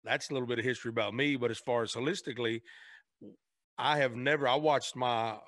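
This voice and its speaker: A man's voice: mid-range voice, fairly even intonation, fast talker, a bit bright, no echo. Earnest man, dry close sound. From Memphis, Tennessee, raised in Arkansas. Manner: earnest, restarts sentences, faith-driven. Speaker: guest, singer. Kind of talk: casual conversation.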